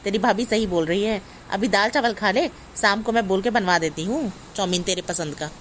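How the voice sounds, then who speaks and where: A woman's voice: mid-range voice, fairly quick, slight background noise, natural voice. A woman playing a bossy, doting middle-aged mother-in-law who scolds her daughter-in-law in a family comedy skit. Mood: soothing. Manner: scolding, commanding.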